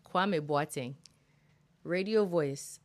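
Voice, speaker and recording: A woman's voice: low-pitched, slow pace. A woman hosting a casual livestream, giving earnest motivational commentary and thinking aloud with fillers and the odd swear word. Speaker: livestream host. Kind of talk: casual self-help commentary.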